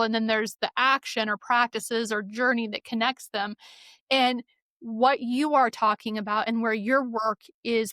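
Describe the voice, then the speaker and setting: A woman's voice: fairly high pitch, sharp tone, no echo, studio quality. A woman hosting a podcast interview, framing her question thoughtfully with a few fillers. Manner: thinks aloud with fillers while framing a question. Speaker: podcast host. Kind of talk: conversational interview.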